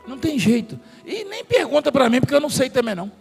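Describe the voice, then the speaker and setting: High, lively preacher man in a hall. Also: quick pace, vocal fry. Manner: storytelling, jokes with the congregation and staff. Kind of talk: sermon. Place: large church hall. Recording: long hall reverb, faint music.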